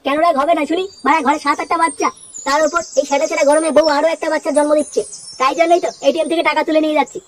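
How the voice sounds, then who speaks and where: A woman voices a fed-up cartoon village father with too many kids, swearing crudely through every angry grumble. The voice is high and quick, with clear noise behind it. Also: steady tone, lightly acted. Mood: grumbling. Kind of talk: cartoon voice acting.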